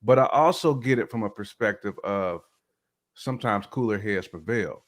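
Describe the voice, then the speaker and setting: A man co-hosting a laid-back chat shares his opinions conversationally in a Southern American accent. His voice is lowish and his pace normal, and he punctuates his explanations with "you know what I'm saying."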